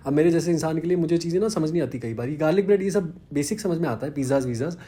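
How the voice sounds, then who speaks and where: A man's voice: fairly high pitch, racing, mellow. A man, chatting casually in a vlog and poking fun at himself. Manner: chatty, self-deprecating, conversational. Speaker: vlogger.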